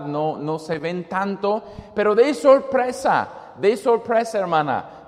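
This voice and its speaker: A man's voice: sits high, big-room sound. A man preaching as a missionary, telling a made-up story with many fillers and restarts and acting out the quotes.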